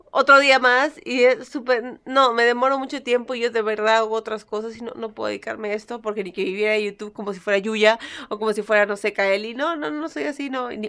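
Chatty Peruvian woman with a smooth voice. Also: a little high, bright, forceful tone. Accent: Peruvian Spanish with some Mexican touches. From Peru. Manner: chatty, playful, answering critics with mock sweetness. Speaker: vlogger. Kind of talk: casual chat to camera.

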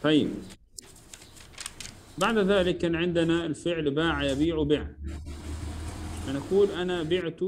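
A man's voice: fairly high pitch, a little mellow, slight background noise. A man teaching Arabic verb conjugation, patiently drilling forms one by one and correcting himself and his student aloud. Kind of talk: correcting homework in an online lesson.

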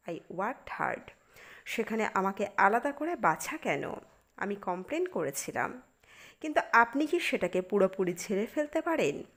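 A woman reading out a magazine-style interview as scripted narration, voicing both the questions and the answers herself. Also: medium pitch. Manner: reads questions and answers aloud in one voice.

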